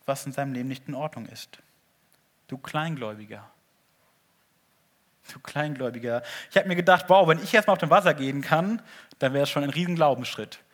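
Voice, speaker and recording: A man preaching a sermon in an earnest way, swinging between loud appeals and hushed asides. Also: a little high. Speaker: pastor.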